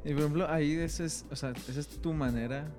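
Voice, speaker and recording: A man's voice: on the high side, fast. A young man, rambling along in a casual chat, full of fillers. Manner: rambling, many fillers like "o sea". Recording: music playing under the talk.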